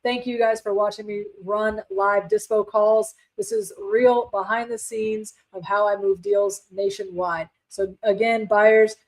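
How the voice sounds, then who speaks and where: A woman's voice: mid-range voice, flat delivery, measured pace, few pauses, poor audio. Chatty woman hosting a live stream. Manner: chatty, many fillers and restarts; firm and direct. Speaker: livestream host, real estate wholesaler. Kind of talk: casual live-stream talk.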